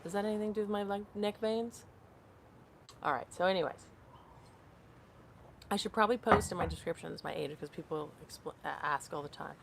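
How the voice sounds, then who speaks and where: A woman in her late thirties hosts a casual live stream, reading viewer comments aloud and rambling until she loses her train of thought. Her mid-range voice has vocal fry, moves fairly quickly and pauses often. Background noise is audible.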